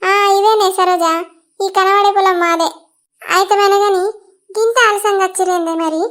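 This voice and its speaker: A woman's voice: extremely high pitch, steady tone, moderate pace, a bit bright. A woman voicing an impatient, complaining village farm owner with a Telangana accent. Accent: Telangana Telugu.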